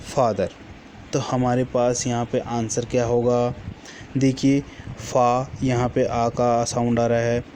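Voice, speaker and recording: Slow, patient male teacher. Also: medium pitch, a little mellow, a little hiss or hum. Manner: patient, repeats each word list twice; corrects himself mid-sentence. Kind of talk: classroom lesson.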